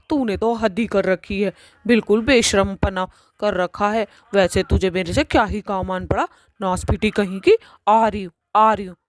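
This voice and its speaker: A woman's voice: mid-range voice, dry recording, natural voice. A woman voicing a cranky, foul-mouthed mother witch in a cartoon, who scolds and curses. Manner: scolding, cursing insults.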